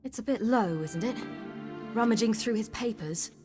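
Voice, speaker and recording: A woman's voice: on the high side, expressive, moderate pace, over music, lightly acted. A young woman playing a frank, spirited swordswoman in a video game. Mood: alert.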